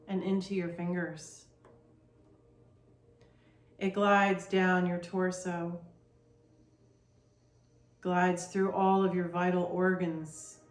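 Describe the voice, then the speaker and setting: A woman leading a guided meditation with soft, soothing instructions. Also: lowish voice, echoey room.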